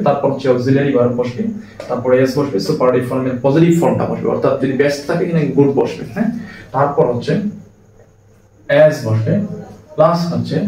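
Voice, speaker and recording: A man's voice: medium pitch, a little mellow. A man teaching an English grammar lesson, repeating each step aloud and asking questions that he answers himself, with a Bangladeshi accent. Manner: asks the class questions and answers them himself. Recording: echoey, distant mic with faint noise.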